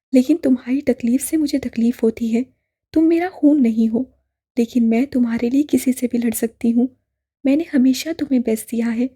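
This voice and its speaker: A woman's voice: on the high side, dark tone, husky. Woman voicing a tearful, fiercely loving mother. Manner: insistent, emotional.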